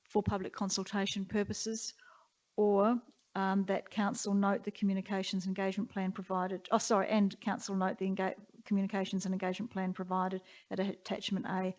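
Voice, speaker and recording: A woman chairing a council meeting, running through motions and votes in a brisk, procedural way. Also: mid-range voice, monotone, darkish tone. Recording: dull muffled council chamber audio.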